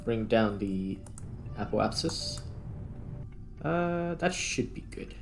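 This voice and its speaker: Soft music plays behind a man with a fairly low, animated voice and some vocal fry who takes his time. He's a host narrating his own gameplay, thinking aloud in loose, unscripted mutters, one step at a time.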